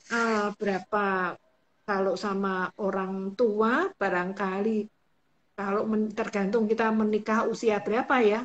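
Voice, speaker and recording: A woman giving patient, explanatory advice as a guest counselor in a live-stream talk. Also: medium pitch. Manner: patient, explanatory, acts out example phrases. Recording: dull lo-fi live-stream audio.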